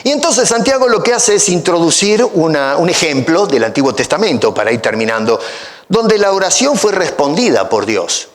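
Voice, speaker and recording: Animated preacher with lively rising pitch. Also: male voice, normal speed. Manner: animated preaching with rhetorical questions and asides; emphatic rises on key phrases. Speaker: pastor. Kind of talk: expository sermon.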